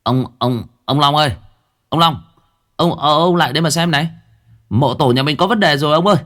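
A man's voice: on the high side, a little fast, voice pushed up, lightly acted. A man doing a panicked, stammering village lad. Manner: stammering, shouting in alarm.

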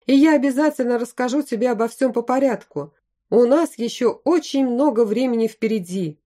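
A woman's voice: a little high, moderate pace, mellow, close to an everyday voice. A woman voicing a loyal, emotional male general. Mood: cheerful. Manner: urgent exclamations.

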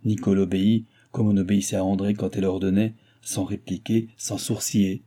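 A man reading a classic novel aloud as an audiobook narrator, measured and expressive. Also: sits low. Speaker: audiobook reader.

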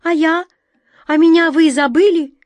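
A woman voicing a desperate, lonely young female squirrel in a storybook reading, with a shrill, pleading voice. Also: fairly even intonation, normal speed, a little mellow, dry recording, clean studio sound.

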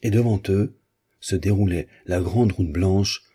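A man narrating a novel as an audiobook in a measured, steady reading. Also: low-pitched, husky. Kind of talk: scripted narration.

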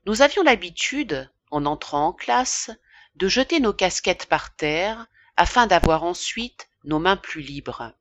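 A woman narrating a classic novel as an audiobook, in a measured, expressive reading. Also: fairly low pitch, no room sound. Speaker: audiobook reader.

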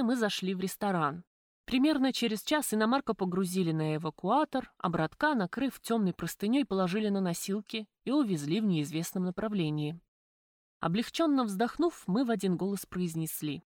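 A woman reading a first-person audiobook in an even, steady storytelling manner. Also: mid-range voice, fairly quick, no echo, clean studio sound. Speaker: audiobook narrator.

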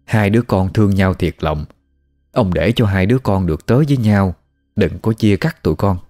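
A vengeful young woman's ghost clings to the man she possesses, refusing to let go and then begging to stay. A man with a Southern Vietnamese accent acts her out in a low, mellow voice. Soft music hums behind. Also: normal speed, natural voice. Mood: pleading.

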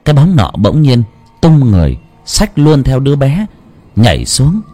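A man's voice: medium pitch, wildly swooping pitch, normal speed, warm tone, soft background music. A man narrating a ghost story dramatically.

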